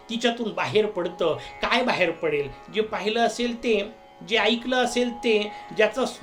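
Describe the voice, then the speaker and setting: A man's voice: high voice, fairly bright tone. Man giving a religious discourse over faint music. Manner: explains with homely examples and chants verses. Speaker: spiritual discourse speaker.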